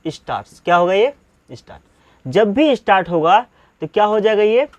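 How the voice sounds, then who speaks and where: Guy teaching english, fairly high voice, asks and answers himself over and over, dry sound. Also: sing-song, normal speed, dry recording, highs cut off. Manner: repetitive question-and-answer drilling, asks then answers himself. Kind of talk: classroom-style spoken lesson.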